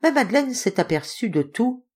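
A woman reading a novel aloud as a volunteer audiobook narrator, with expressive delivery. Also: fairly high pitch, normal speed, slightly rough. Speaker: audiobook reader.

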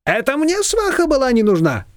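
A man's voice: extremely high pitch, wildly swooping pitch, dry recording, clean studio sound, pitched above the performer's own voice, heavily acted. A man reading an audiobook voicing a bossy, meddling middle-aged female neighbor who scolds and gives orders. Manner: pushy, scolding, rapid-fire demands.

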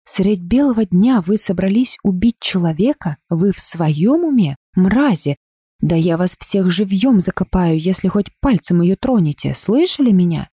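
A brave, fiercely loyal young woman, shrill and indignant, with a low mellow base under her cries, as a woman storyteller puts her on. She sounds close and dry, as in a storybook reading. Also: expressive, normal speed, breathy edge, no echo. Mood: furious.

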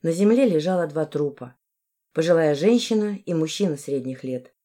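A woman narrating a fantasy novel in the first person with expressive phrasing. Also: low voice, moderate pace. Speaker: audiobook narrator.

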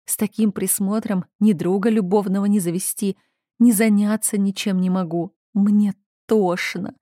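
A woman's voice: mid-range voice, fairly even intonation, warm tone, no echo, clean studio sound, close to an everyday voice. A woman voicing a hysterical, melancholy young noblewoman who sobs and lashes out. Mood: distraught. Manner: sobbing, drawn-out, raised outbursts.

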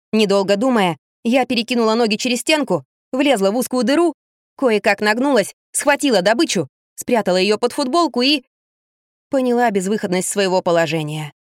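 A woman reading a first-person story aloud in an expressive, lively storytelling manner. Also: mid-range voice, no echo, clean studio sound. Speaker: narrator.

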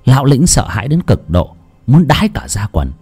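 A man narrating a ghost story in a dramatic, animated storytelling voice. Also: medium pitch, normal speed, husky. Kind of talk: scripted horror narration. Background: faint background music.

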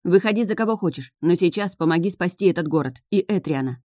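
A woman's voice: fairly low pitch, animated, quick pace, a little mellow, no room sound, studio quality. A woman voicing a bold young mermaid heroine who speaks urgently and insistently.

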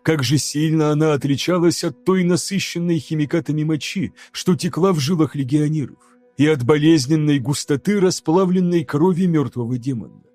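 Mellow-voiced male audiobook narrator. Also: on the high side, dry recording, soft background music. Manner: measured, dramatic reading. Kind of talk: scripted narration.

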